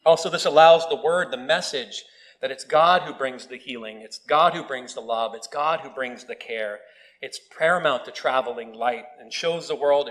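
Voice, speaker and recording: Delivering a church sermon, this man speaks at a medium pitch, spinning humorous stories and giving lively voices to the people he quotes. It was captured on a rough recording.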